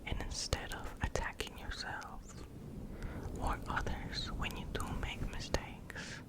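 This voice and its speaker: A person giving a fully whispered, breathy ASMR pep talk of soothing affirmations for sleep, in short phrases with pauses, close to the microphone. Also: poor audio. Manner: slow, pausing between short phrases. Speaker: ASMR host. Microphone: close fluffy-covered microphone.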